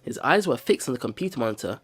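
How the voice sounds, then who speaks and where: A man with a husky, medium-pitched voice talks very fast while hosting a let's play. He reads the visual novel's narration aloud, telling it expressively like a story.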